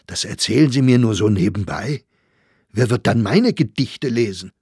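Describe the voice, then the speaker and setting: A man's voice: medium pitch, a little slow, vocal fry, breathy edge, dry recording, clean studio sound. A man voicing an anxious, fussy male poet who cries out in alarm, read from a storybook. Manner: agitated, pleading outcries.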